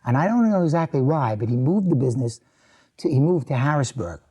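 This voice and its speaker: An older man with an American accent tells his memories for an oral history interview. His voice is dark and mellow. He rambles and often stops to restart a thought. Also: mid-range voice, big pitch swings, breathy edge. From born in England, raised in the US. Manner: rambling, halting reminiscence with many restarts. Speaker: interviewee, retired teacher.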